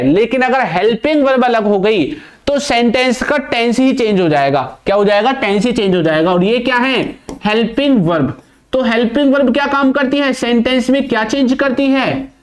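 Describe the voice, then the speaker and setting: A young man gives a classroom-style English grammar lesson, quizzing the viewer with repeated questions and then answering them himself, speaking English words. His very high voice is expressive and moves at a moderate pace.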